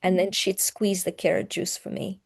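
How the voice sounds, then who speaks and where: A woman's voice: medium pitch, little pitch movement, moderate pace, creaky, breathy edge. A woman in her fifties, from Ukraine, telling personal stories as a podcast guest in an earnest, heartfelt way. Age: 50s. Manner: earnest and heartfelt, choking up at times. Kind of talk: emotional personal storytelling.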